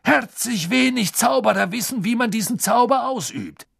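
A man's voice: very high voice, animated, moderate pace, creaky, a bit bright, slightly rough, no echo, clean studio sound, voice pushed up, heavily acted. Man doing a reproachful middle-aged wizard. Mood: appealing. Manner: reproachful, appealing. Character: angry protective middle-aged father wizard.

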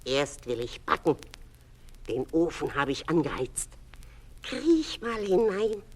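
A woman's voice: big pitch swings, slow, breathy edge, exaggerated voice. A woman playing a cruel old witch who scolds shrilly and coaxes slyly in a radio play. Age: older. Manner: shrill, scolding, then sly and coaxing.

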